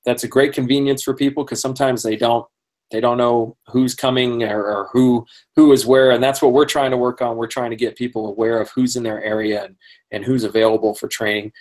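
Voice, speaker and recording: Man, interview host, casual chat, laughs often, lots of ums, mid-pitched voice. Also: flat delivery, brisk, a little mellow. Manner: friendly, laughs often, many fillers. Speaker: podcast host.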